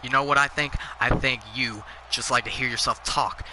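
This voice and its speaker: A man's voice: medium pitch, fairly even intonation, moderate pace, background noise, lightly acted. A man voicing a brawny male wrestler who is making threats, reading the promo lines in his plain voice without attempting an accent. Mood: threatening.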